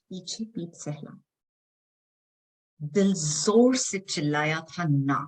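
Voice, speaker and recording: A woman poet reciting her own spoken word poetry for an online event, mixing casual talk with dramatic delivery that swings between hushed and loud lines. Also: lowish voice, husky, poor audio. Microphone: video call.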